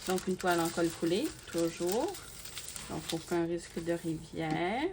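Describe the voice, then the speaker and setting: Her voice is on the low side and her pace unhurried. A crafting YouTuber, she unboxes and gushes while chatting casually to viewers, her speech thick with fillers and repetitions, against steady background noise with occasional clicks.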